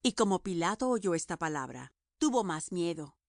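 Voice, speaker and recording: A woman narrating a scripture audiobook in a measured, solemn reading. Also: fairly low pitch, sing-song, dry recording, clean studio sound.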